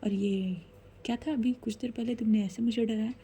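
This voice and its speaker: A woman's voice: a little high, steady tone, normal speed, mellow, a little hiss or hum, close to an everyday voice. Woman doing a stammering, hot-tempered young woman. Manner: stammering repeats when flustered. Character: quick-tempered, easily rattled young woman.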